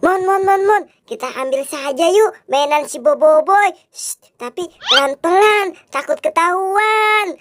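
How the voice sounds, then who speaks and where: A performer voicing a mischievous robot cat twin in a clown skit, sneaky and hushed. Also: very high-pitched, noisy background. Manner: whispery, sneaky, slow. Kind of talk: costumed clown skit voice-over.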